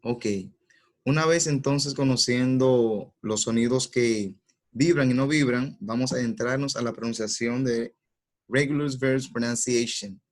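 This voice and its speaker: A male teacher giving a pronunciation lesson at a calm, slow pace, with a mid-range voice. He repeats each sound twice, slowly and deliberately, and walks through every rule patiently. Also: medium pitch. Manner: patient, explains step by step.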